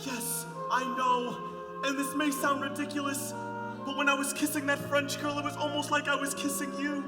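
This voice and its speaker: A man's voice: extremely high pitch, monotone, normal speed. A man playing a brash flustered comic lead. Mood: earnest. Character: flustered young groom and nervous producer. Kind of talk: stage musical acting. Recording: echoey hall with music, from afar.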